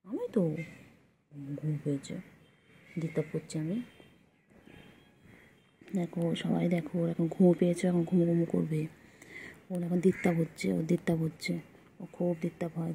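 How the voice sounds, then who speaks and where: A woman's voice: on the low side, steady tone, moderate pace, long pauses, dark tone, slight background noise. A woman filming her pet cat at home, talking to it in repetitive, sing-song baby talk.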